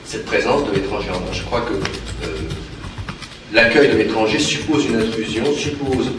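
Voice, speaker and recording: Heard through a distant mic in a very echoey room, a male theatre translator speaks reflectively at a normal speed in a low voice, with music and background noise behind. He's hesitant and thoughtful, full of fillers and restarts.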